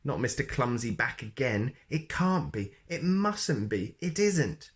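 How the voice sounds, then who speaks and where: A man's voice: medium pitch, sing-song, a little slow, voice pushed up. A man voicing a fussy, neat storybook character who is exasperated and exclaims in fretful dismay. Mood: groaning dread.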